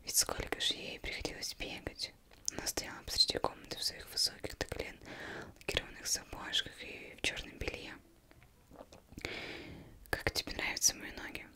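A young woman reading a novel aloud as ASMR in a breathy, unvoiced whisper, very close, as if right in the listener's ear. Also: bright, forceful tone. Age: young adult. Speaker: ASMR reader. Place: indoors, plain studio backdrop. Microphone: close microphone.

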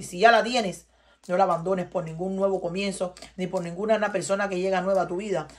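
Her voice is medium-pitched, a bit bright and slightly rough: a tarot reader from Cuba, speaking with a Cuban Spanish accent. She preaches emphatically to her viewers during the reading, circling back to repeat herself.

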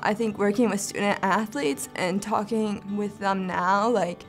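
A woman's voice: medium pitch, steady tone, a little slow, soft background music. A young woman speaking heartfelt and casually in an interview. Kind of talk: interview testimony.

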